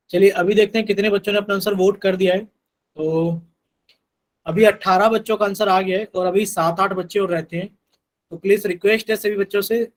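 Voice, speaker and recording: High-voiced man teaching math online. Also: fairly bright tone, poor audio. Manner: patient, repeats instructions to students. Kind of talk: live online class.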